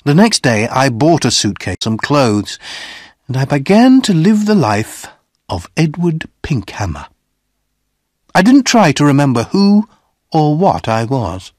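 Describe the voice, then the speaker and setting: A man narrating a graded-reader story in a deliberate, expressive storytelling manner, close to the mic. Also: a little high, no echo.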